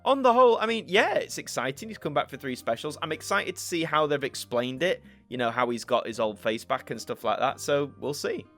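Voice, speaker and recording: A young man from Yorkshire, England, hosts a casual Q&A on his YouTube channel, answering viewers and thinking out loud over soft background music. His accent mixes northern English styles, mostly Yorkshire. His voice is on the high side, expressive and fairly bright, and he talks briskly with few pauses.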